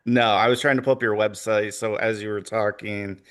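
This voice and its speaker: A man hosting the show, speaking in a halting, apologetic way. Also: fairly low pitch, fairly even intonation, fairly bright tone. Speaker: show host. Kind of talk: casual chat.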